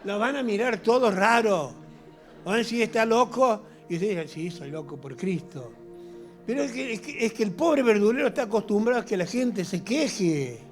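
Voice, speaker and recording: A middle-aged man with an Argentine accent, preaching a sermon as pastor in an animated, humorous way that acts out little scenes. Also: sits high, fairly quick, faint music behind. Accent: Argentine Spanish.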